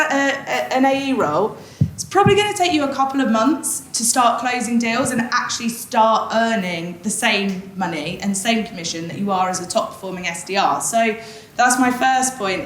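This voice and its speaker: A woman on a conference panel, answering a question in a candid, chatty way and laughing easily. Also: medium pitch. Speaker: panelist, SDR manager. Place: conference hall. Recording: echoey event hall with faint noise.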